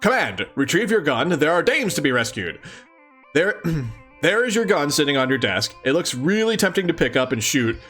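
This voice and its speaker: A man with a slightly high, very animated, fairly bright voice reads a comic aloud at normal speed in a casual live read-along, with soft music playing behind. He reads expressively and adds mock-incredulous asides as a streamer.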